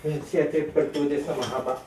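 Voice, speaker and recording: High-voiced man praying over someone. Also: moderate pace, a crowd in the background. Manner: repeats soothing phrases, then prays in steady chant. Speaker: exorcist healer. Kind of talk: prayer and reassurance during a healing session. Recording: echoey room, distant mic.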